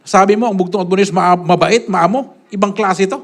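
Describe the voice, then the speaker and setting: A man with a high-pitched voice preaching a sermon. He swings from raised, insistent lines to near-hushed asides and keeps checking in with his listeners by asking short questions. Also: brisk. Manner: preaches with sharp swings between loud and hushed, often asking "Ha?". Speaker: pastor.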